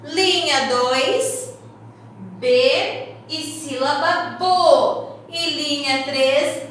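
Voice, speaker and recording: A Brazilian woman teaching a slow, sing-song, encouraging phonics lesson to young children. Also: high-pitched, pushed and bright, a little hiss or hum. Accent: Brazilian Portuguese. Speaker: kindergarten teacher. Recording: very echoey room, slightly distant mic.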